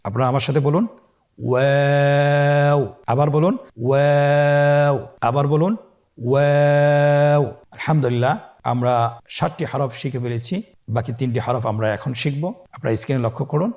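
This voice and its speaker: A man teaching Quran letter pronunciation step by step, slowly drawing out each letter for the listener to repeat. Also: mid-range voice, darkish tone. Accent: Bangladeshi Bengali. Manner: slow, drawn-out model pronunciations for the listener to repeat.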